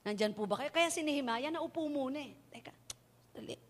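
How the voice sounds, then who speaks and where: High-voiced woman preacher. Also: fairly quick. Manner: expressive preaching with repeated rhetorical questions and storytelling; switches between Tagalog and English. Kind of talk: sermon.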